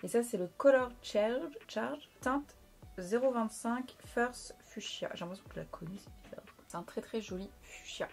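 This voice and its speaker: A woman's voice: a little high, moderate pace, creaky, soft background music. A young woman chatting casually through a makeup review, frank and playful, talking at close range to her camera. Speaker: beauty vlogger.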